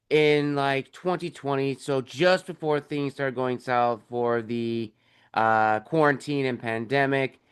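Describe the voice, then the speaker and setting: A man's voice: mid-range voice, fairly bright tone, clean tone. A young adult man, an author being interviewed on a video call, talking about his books with enthusiasm and plenty of fillers. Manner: enthusiastic, explains at length with fillers. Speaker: author and podcast host, guest here. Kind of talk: casual interview talk.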